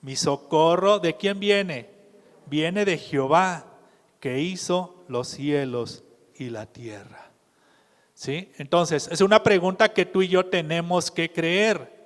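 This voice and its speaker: Male preacher, somewhat high voice, unhurried sermon delivery that asks the room questions, reverberant church hall. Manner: measured, asks the congregation questions.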